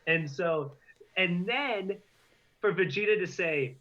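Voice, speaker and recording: Bright-voiced young man chatting animatedly. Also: high-pitched, slow, muffled recording. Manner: animated, fan-style retelling. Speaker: co-host. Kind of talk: casual chat.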